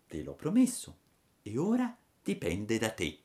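A man reading a storybook, voicing a gentle but stern fairy mother in a soft, low, measured voice. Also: wildly swooping pitch, vocal fry, heavily acted.

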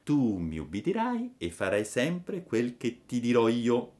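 A gentle fairy mother, as a male storyteller voices her speaks softly and slowly. She lectures the child with calm, measured firmness. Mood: stern. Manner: soft, low and measured, slow and admonishing. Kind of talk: storybook reading.

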